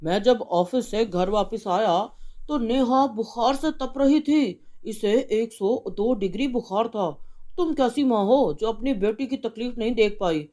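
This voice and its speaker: A woman voicing a stern, angry father who scolds loudly. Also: high voice, moderate pace, voice pushed up, natural voice. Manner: loud, stern.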